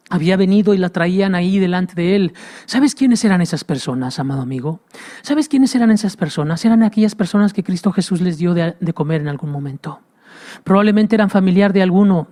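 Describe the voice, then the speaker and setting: A man delivers an impassioned sermon, repeating phrases and speaking directly to the listener. His voice sits high with a darkish tone.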